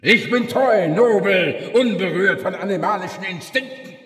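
A pompous, cruel space dictator in a spoken sci-fi story, voiced by a man. He drags out every word with a husky, raised voice that swings about wildly. His delivery is theatrical and gloating. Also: medium pitch, big pitch swings, a bit bright, pitched above the performer's own voice, exaggerated voice. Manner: theatrical, drawn-out, swinging from bellowing to hissing.

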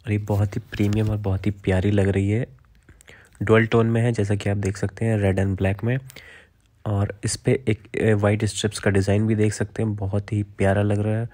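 Flat, low-voiced man at a car show. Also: a little fast. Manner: calm, explanatory, gives specs. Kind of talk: casual walkaround commentary. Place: indoor auto show hall. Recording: steady background noise.

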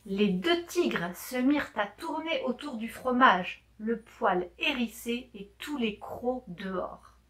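Woman reading a kids story real slow and clear, voice sits a bit high. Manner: clear, deliberate, gently expressive. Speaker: storyteller for French learners. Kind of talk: slow read-aloud of a children's story.

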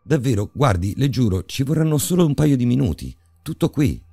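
A man's voice: medium pitch, very animated, a little fast, gravelly, mellow, slightly rough, dry recording, pitched above the performer's own voice, heavily acted. A man voicing an authoritative teenage girl in a horror audiobook, urgent and insistent. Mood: pleading. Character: bossy teenage girl, sharp and commanding.

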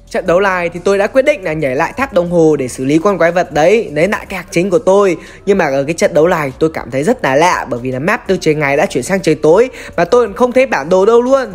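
Fast high-voiced young man narrating gameplay. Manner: chatty, addresses viewers as brothers. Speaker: gaming YouTuber. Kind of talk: narrating a game horror story.

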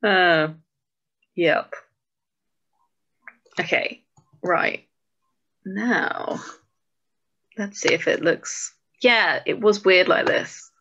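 A woman's lowish, bright, forceful voice moves very slowly with frequent pauses as she presents a book club chapter over video call. She works through code in a casual live-coding walkthrough, thinking aloud and poking fun at herself. The audio sounds dull.

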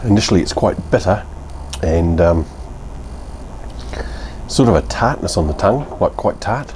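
A man in his fifties with a New Zealand accent reviews a beer at his outdoor home bar, laid-back and blunt, rambling with fillers and a bit of mild swearing. His voice is low and darkish, with lively intonation and a measured pace. There's a slight hiss or hum on the recording.

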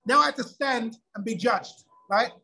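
A middle-aged man telling his own story in a casual interview, lively and acting out quoted dialogue. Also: extremely high pitch, moderate pace, gravelly, breathy edge, low-quality recording. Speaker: guest.

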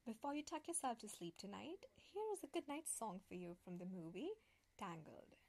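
Soft-spoken woman reading a bedtime story. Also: mid-range voice, sing-song, moderate pace. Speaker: storyteller host.

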